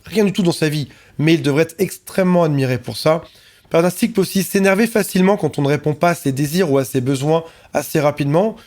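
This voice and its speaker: A man's voice: a little high, fast talker, darkish tone. A man, a relationship coach, talking to camera in an earnest, reassuring way and listing points in repeated phrases.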